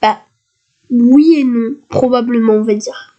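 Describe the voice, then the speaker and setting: Slightly hoarse high-voiced woman, slow. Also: warm tone, lo-fi sound. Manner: reads quiz questions aloud slowly, then answers casually. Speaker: youtuber. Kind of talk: casual gaming commentary.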